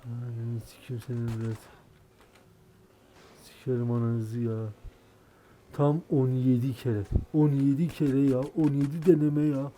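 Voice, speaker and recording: Gaming commentator, young guy, sick and hoarse, mellow dark tone, curses and yells when the game fails. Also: mid-range voice, fairly even intonation, unhurried, pauses often, slight background noise. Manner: frustrated, swearing, bursts into shouting. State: sick, voice worn. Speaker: gaming YouTuber. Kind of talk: gameplay commentary.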